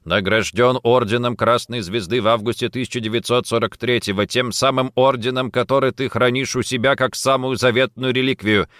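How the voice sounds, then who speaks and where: A man's voice: fairly even intonation, a little fast, few pauses, no echo, clean studio sound, close to an everyday voice. A male audiobook reader voicing a stern police major who questions coldly and insistently. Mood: accusing. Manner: cold, insistent questioning, low and quiet at times. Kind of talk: audiobook character reading.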